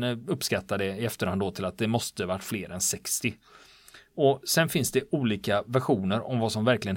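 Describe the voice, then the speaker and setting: On the island where the wartime events took place, a man retells that history casually and vividly, acting out the quoted lines of the people involved. His voice sits at medium pitch, recorded with studio quality and no echo.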